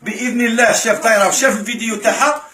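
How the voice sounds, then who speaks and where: A man's voice: very high voice, racing. A man with an Algerian Arabic accent vlogs a charity visit. He speaks eagerly, thanks the donors and comments on what he is showing. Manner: excited, thanks donors, gives running commentary. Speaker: vlogger filming a charity visit. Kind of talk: casual to-camera talk. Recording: echoey room with faint noise.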